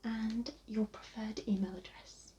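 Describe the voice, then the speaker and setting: An English-accented woman hosts a soft-spoken ASMR roleplay as a receptionist, speaking breathily and often close to a whisper. Her voice is on the high side and her delivery flat, with polite, reassuring, unhurried customer-service talk. The lo-fi recording sounds muffled and carries noticeable background hiss.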